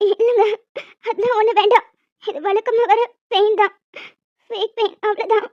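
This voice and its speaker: A woman doing a very high-voiced young wife. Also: fairly even intonation, normal speed, no room sound. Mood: reassuring. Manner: soft, earnest, sweet. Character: young pregnant wife, gentle and guilt-ridden. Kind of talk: Tamil cartoon voice acting. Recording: dull lo-fi sound.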